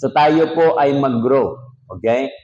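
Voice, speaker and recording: A Filipino pastor in his fifties preaches at a prayer meeting in a relaxed, talky way, slipping into quiet asides before pushing his voice up to stress a point. His voice sits at an average pitch for a man. The recording sounds dull and muffled. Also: slow. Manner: chatty, drops to a soft aside then rises for emphasis. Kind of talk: conversational sermon at a prayer meeting.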